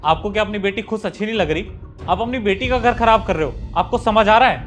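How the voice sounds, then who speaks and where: A protective son-in-law, played by a man, firm and reproachful, with a fairly high voice. Faint music sits behind the dialogue. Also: quick pace, a bit bright. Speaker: husband character. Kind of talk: family drama acting.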